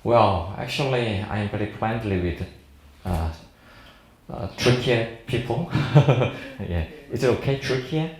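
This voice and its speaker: This man in his forties, a native Korean speaker from South Korea, is a plastic surgeon giving an informal presentation at a medical seminar. He speaks fairly low-pitched, accented, halting English in a jovial, animated way, chuckling often, with a darkish tone. The room is echoey and there's a little hiss or hum.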